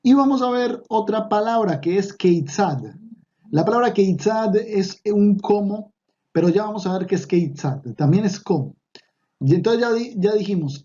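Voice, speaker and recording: A man's voice: sits high, warm tone, highs cut off. A man teaching an online Hebrew lesson, patiently repeating words with fillers and restarts.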